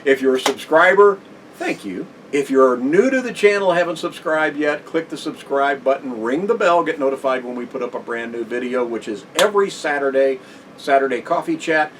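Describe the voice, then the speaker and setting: Man, relaxed RV vlog co-host, explains at length, distant camera mic with steady background hum. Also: medium pitch, normal speed. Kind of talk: casual chat. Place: inside an RV.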